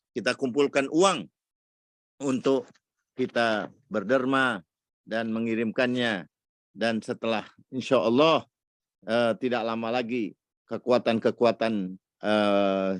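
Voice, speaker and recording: A man's voice: mid-range voice, a bit bright, no echo, clean studio sound. A man teaching a weekly religious study session, preaching earnestly in an Indonesian accent and reciting Arabic verses. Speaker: ustadz giving a weekly study talk. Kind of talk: sermon lecture.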